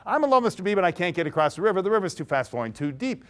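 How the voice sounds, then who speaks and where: A man's voice: sits high, sing-song, a bit bright. A man doing a pleading lovesick young woman. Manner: pleading, quick recounting.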